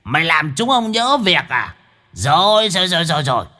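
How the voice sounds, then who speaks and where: A man voicing a rowdy male demon guard of the underworld, gruff and blustering. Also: fairly high pitch, sing-song, moderate pace, pushed and bright, pitched above the performer's own voice. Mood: grumbling.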